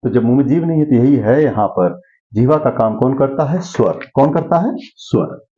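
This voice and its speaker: A man's voice: medium pitch, lively intonation, fairly quick, warm tone, muffled recording. Man teaching Sanskrit grammar, quizzing aloud. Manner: asks questions and answers them himself. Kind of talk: classroom lesson.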